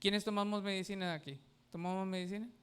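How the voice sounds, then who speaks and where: A man's voice: high voice, fairly even intonation, fast, a bit bright, clean tone. A man, a pastor preaching a sermon, emphatic and asking the congregation questions. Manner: emphatic, asks the congregation questions and has them repeat.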